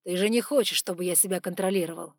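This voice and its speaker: Woman reading an angry male dragon bodyguard, loud, clipped, through gritted teeth, dry close audiobook sound, mid-pitched. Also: unhurried, breathy edge, no room sound. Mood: menacing. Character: stern male dragon bodyguard, furious, commanding. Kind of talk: audiobook character voice.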